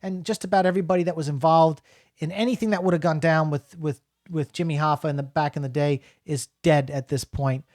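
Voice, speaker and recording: A man's voice: fairly high pitch, steady tone, a little fast, darkish tone, dry recording, studio quality. A middle-aged man from New Jersey giving a casual, rambling spoken film review, full of fillers and restarts.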